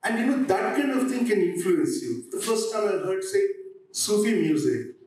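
A man talks reflectively on a panel, pausing and restarting often. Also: high-pitched, sing-song, a little mellow. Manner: halting, with frequent pauses and restarts. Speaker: theatre practitioner on a discussion panel. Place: on stage in an auditorium. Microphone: handheld microphone. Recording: very echoey hall, distant, slightly noisy.

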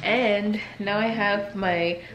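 A woman's voice: mid-range voice, fairly even intonation, takes it slowly, fairly bright tone, slight background noise. A woman vlogging at home in a casual, chatty way, talking straight to her viewers. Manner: chatty, addresses viewers as "you guys". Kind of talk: casual vlog chat with sponsor read. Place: home room. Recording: echoey room.

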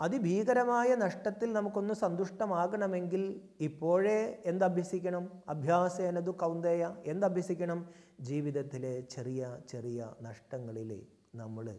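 A man giving a spiritual talk, putting questions to his listeners and answering them himself, moving between loud emphasis and soft low asides. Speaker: spiritual teacher.

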